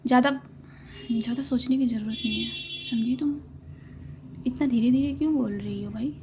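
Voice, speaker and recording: A woman's voice: on the high side, moderate pace, mellow, a little hiss or hum, close to an everyday voice. A woman voicing a shy, polite young woman who answers hesitantly in a whispered role-play. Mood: flustered. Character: shy young woman, nervous around elders.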